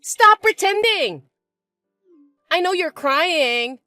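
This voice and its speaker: A woman putting on a shrill, spiteful stepsister. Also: very animated, a little slow, dry recording, soft background music, heavily acted. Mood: mocking. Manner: shrill, mocking and shouty. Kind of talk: chat-story voice acting.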